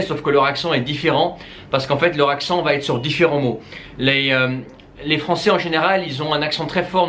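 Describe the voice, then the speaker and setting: A man's voice: fairly high pitch, a bit bright, a little hiss or hum. A man from the Netherlands with Dutch as his first language, giving informal language-learning tips straight to the viewer, with many fillers and restarts. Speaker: language coach. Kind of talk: casual spoken tips to camera.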